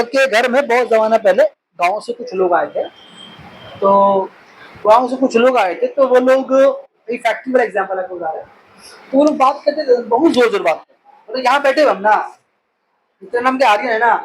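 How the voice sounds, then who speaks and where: Male speaker with a strikingly high voice, chatty lecturer style, recorded in a reverberant room with faint background hum. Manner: rambling, conversational, asks and answers own questions. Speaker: speaker explaining a health topic. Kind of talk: informal explanatory talk. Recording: echoey room with faint ambient noise.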